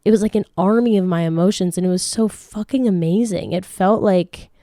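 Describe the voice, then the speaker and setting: A woman in her late twenties hosts a casual podcast, answering listener questions in a frank, chatty way with frequent swearing, laughs and restarts. Her medium-pitched voice is brisk and dark in tone, recorded at studio quality with no room sound.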